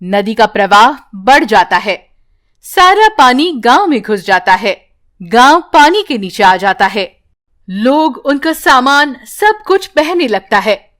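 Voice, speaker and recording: A woman narrating an animated bedtime story in a calm, even storytelling manner. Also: fairly high pitch, slow pace.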